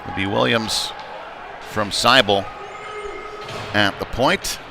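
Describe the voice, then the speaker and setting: Over the ambience and noise of an indoor ice rink, a man calls a hockey game play-by-play in a casual, unpolished, conversational style, getting excited when the action heats up. His voice is on the low side and he takes his time. The live stream is noisy, with clear background noise.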